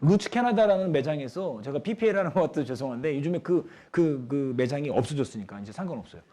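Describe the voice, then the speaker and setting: Young guy preaching to teens, high voice, talks fast, acts out little scenes. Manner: animated, acts out quoted people in high voices. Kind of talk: youth sermon.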